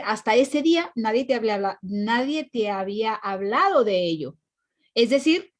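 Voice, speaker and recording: A woman, a Buddhist teacher telling a personal story in an earnest, casual way. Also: fairly high pitch. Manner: storytelling, earnest, restarts often. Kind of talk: casual dharma talk.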